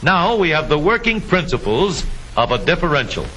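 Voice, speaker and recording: A man narrates a vintage 1950s educational film in a bright, forceful voice with very lively intonation. He explains step by step in scripted, deliberate phrases. The old soundtrack carries a faint hiss. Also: fairly high pitch, rough recording.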